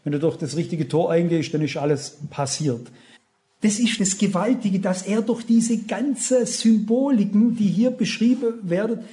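Male preacher, high-pitched, fervent sermon delivery, rhetorical questions, big swings from hushed to loud. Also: normal speed. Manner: fervent, swings between loud emphasis and hushed low passages; asks the audience rhetorical questions.

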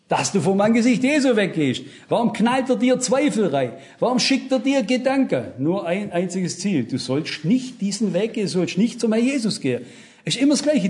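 A man's voice: sits high, a little mellow. A man preaching a sermon in German, emphatic, swinging up and down for stress and addressing his listeners directly.

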